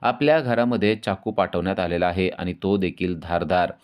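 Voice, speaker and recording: A man narrating a recap of a TV serial episode in a steady storytelling manner. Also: sits low, normal speed, smooth.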